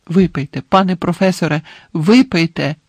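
Man playing a panicked teen wizard, high, loud and urgent, dry sound. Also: normal speed, dry recording. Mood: desperate. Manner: shouting, urgent and breathless. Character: frantic teenage boy wizard, desperate.

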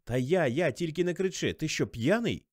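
A man voicing an impatient young woman on a late-night phone call, trying to calm a drunk caller and send him to bed. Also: on the high side, normal speed, no echo, clean studio sound, voice pushed up. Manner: impatient, soothing.

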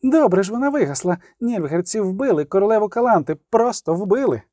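A man voicing a hot-tempered teenage girl outlaw in an audiobook, shouting sharp, defiant retorts. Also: on the low side, big pitch swings, normal speed, slightly rough, no echo, studio quality, full character voice. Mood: bitter.

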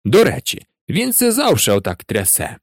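A man's voice: fairly high pitch, huge pitch swings, moderate pace, dry recording, clean studio sound. A man doing a hearty giant. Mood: friendly. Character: big warm male giant, folksy dialect.

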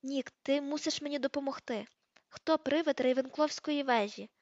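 A woman doing a desperate teenage boy wizard, shouting. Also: high voice, moderate pace, no echo, pitched above the performer's own voice. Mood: urgent. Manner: shouting, pleading. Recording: dull lo-fi dry audiobook recording.

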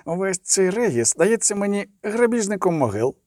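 A man voicing a gruff, suspicious male dwarf in an audiobook, with animated, wry delivery. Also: sits high, normal speed, no room sound. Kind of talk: audiobook character reading.

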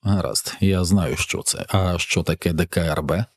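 A man voicing a calm, menacing armed man who gives curt, quiet, flat threats. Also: low voice, moderate pace, dry recording, clean studio sound.

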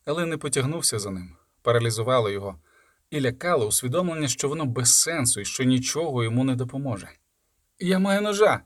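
A man's voice: mid-range voice, fast, no echo, clean studio sound. Man narrating a fantasy audiobook. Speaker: audiobook reader.

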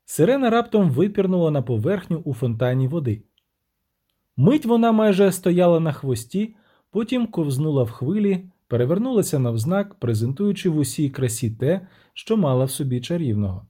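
A male narrator reading an audiobook with expressive, animated delivery. His voice is fairly high but mellow and soft in tone. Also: normal speed, slightly rough. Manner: expressive storytelling.

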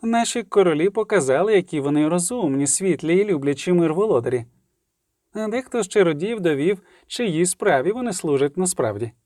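A man's voice: sits high, expressive, darkish tone, no room sound, clean studio sound. A man doing a cold, stately elder sorceress. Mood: cool, commanding. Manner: measured, stately, cutting.

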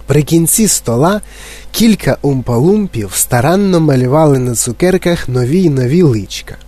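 A man narrating a children's audiobook in an expressive storytelling manner. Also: a little high, normal speed, no room sound.

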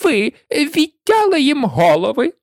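A woman's voice: wildly swooping pitch, moderate pace, dry recording, clean studio sound. A shrieking tyrant queen. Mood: commanding. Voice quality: piercing, shrill. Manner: barking orders. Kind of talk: audiobook character voice.

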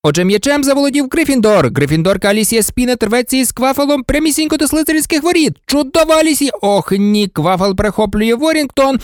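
A man reading an audiobook, voicing an excitable, openly biased teenage boy commentating a match. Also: very high voice, no echo, studio quality, pitched above the performer's own voice. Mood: excited. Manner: rapid-fire, shouting, openly biased. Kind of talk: audiobook character voice.

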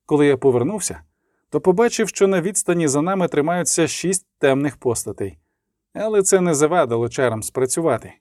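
A man reading an audiobook as narrator, with lively dramatic emphasis and the dialogue lines voiced. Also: a little high, fairly quick, no echo, clean studio sound. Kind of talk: scripted narration.

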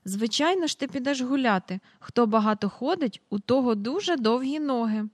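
A woman voicing a calm, firm mother in an audiobook, speaking a little higher than her narration. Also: normal speed, no echo, studio quality. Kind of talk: audiobook character reading.

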